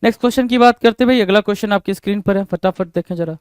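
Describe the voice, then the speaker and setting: Guy teaching vocab, keeps asking "what does it mean?", high clear voice. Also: racing, no room sound. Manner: rhetorical questions to students, repeats words. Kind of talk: exam-prep vocabulary lesson.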